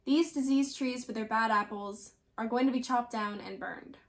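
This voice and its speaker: This scripture reader is a woman whose voice is clearly high in pitch. She recites from a written text at a moderate pace, in the manner of a prepared reading.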